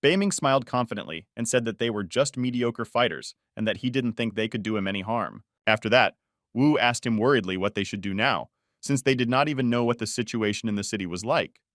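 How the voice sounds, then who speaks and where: A man reading a scripted story recap narration in a steady storytelling manner. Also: mid-range voice, brisk, no room sound, studio quality.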